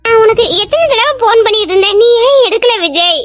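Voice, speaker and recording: A woman's voice: extremely high pitch, animated, fast, dry recording, soft background music. A woman voicing a worried, tearful young woman doctor who pleads anxiously. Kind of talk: audio drama acting.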